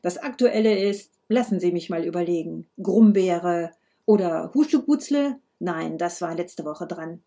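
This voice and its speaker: A woman's voice: fairly low pitch, expressive, measured pace, warm tone. A woman voicing a brusque, sarcastic older woman, a grandmother, while reading a novel aloud. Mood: scornful. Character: grumpy sharp-tongued older woman, a grandmother, reckless driver.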